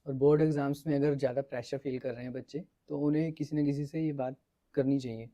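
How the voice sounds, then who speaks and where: A man hosting a podcast interview, listening with steady short replies and speaking briefly. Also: medium pitch, quick pace. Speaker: podcast host.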